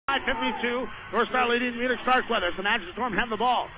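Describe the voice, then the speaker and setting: Calling a high school basketball game live on radio from an indoor gym, a man speaks fairly quickly in an extremely high pitch. He gives short, running descriptions of the action over background noise.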